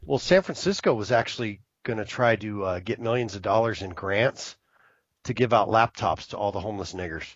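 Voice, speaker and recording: A man's voice: fairly low pitch, lively intonation, brisk, no room sound. Wisecracking man in his fifties, muffled. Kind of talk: casual chat.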